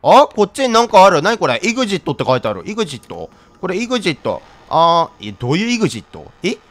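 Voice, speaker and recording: A man giving excited commentary on a horror game, easily scared into loud cries and repeating short phrases over and over. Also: high voice, fast. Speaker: gaming video host.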